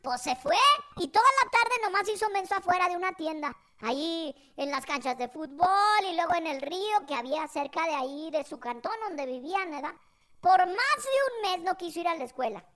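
Woman podcast host, casual slangy storyteller, very high bright voice. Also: lively intonation, normal speed. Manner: chatty, slangy, tags questions to the listener.

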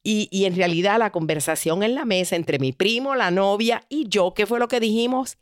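A woman giving relationship advice through an animated story, acting out the voices of the people in it. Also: mid-range voice, normal speed, clear, resonant tone, no room sound, studio quality. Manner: animated, acts out quoted voices.

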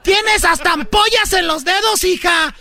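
A mother in a radio comedy sketch, played by a woman, shrieking and cursing at her children. Her voice sits very high and sounds bright and cutting. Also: a little slow, gravelly, heavily acted. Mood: scolding. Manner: yelling, cursing, tearful rants. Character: loud scolding Mexican mother of three.

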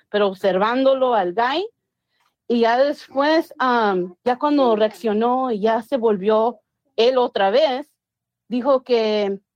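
Woman, higher pitch, dry recording, chatty storytelling, many restarts. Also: darkish tone, no room sound, highs cut off. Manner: mixes English words into Spanish, many restarts. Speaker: guest. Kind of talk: casual storytelling interview.

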